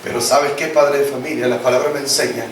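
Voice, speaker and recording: A man's voice: mid-range voice, fairly even intonation, fast talker, background noise. A man preaching a sermon, leading call-and-response and acting out family dialogues. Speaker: pastor. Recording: echoey church hall, distant mic, congregation.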